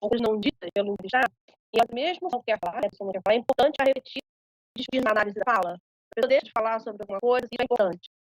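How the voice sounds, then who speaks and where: Quick, hesitant woman moderator. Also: on the high side, dry recording, poor audio. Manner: hesitant, many fillers and tag questions. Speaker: seminar moderator. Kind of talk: online academic discussion.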